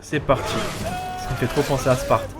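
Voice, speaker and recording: A man's voice: medium pitch, level tone, normal speed. A man giving casual, explanatory video game commentary, often asking questions and answering them himself. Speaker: let's player. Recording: loud game music behind.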